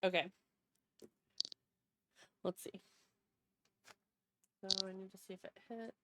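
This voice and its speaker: A woman's voice: medium pitch, steady tone, takes it slowly, very noisy. A woman running a tabletop game as game master, thinking aloud as she goes.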